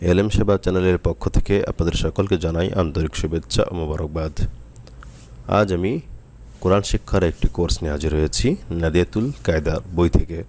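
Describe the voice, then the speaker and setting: A man teaching Quran reading in a slow spelling lesson, patiently sounding out each syllable before blending them. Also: low-pitched, a little mellow.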